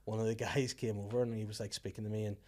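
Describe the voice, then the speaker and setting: Hosting a casual comedy chat, a Northern Irish podcast host who also works as a comedian and actor banters, rambles and drops into acted quotes. He talks fast in a lowish, darkish voice with a level tone.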